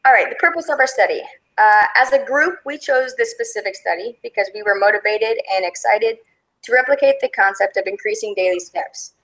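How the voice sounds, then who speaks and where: A woman in her twenties, a teacher, reading her group's class presentation aloud at a steady pace. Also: a little high, a little fast, poor audio. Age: 20s. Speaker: student presenter.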